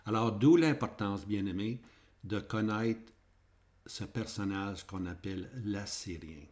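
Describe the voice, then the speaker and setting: A man's voice: fairly low pitch, measured pace, a little mellow. A man with a Québécois French accent teaching a Bible prophecy lesson over maps, repeating points and checking in with the class. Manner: repetitive, checks in with "hein?" and "ok?".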